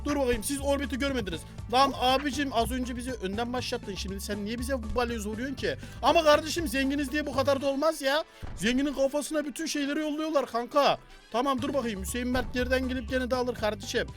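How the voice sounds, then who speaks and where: A young man doing loud, joking gameplay commentary and talking back to the game characters as he plays. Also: very high voice, fast talker, soft background music. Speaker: gaming YouTuber.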